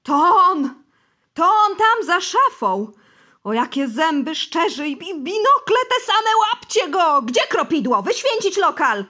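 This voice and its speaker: A woman's voice: extremely high pitch, very animated, takes it slowly, few pauses, voice pushed up, full character voice. A woman voicing a shrieking, panicky fat official. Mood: terrified screaming. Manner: shouting, pleading, crossing himself. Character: panicking, pious, heavyset middle-aged official, a man.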